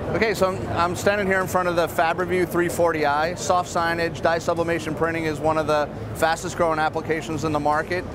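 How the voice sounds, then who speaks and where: A man in his fifties, a marketing executive, giving a brisk, upbeat walkthrough of machines at a busy trade fair, with frequent fillers. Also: a little high, background noise. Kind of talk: trade show product walkthrough. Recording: clear trade hall ambience behind.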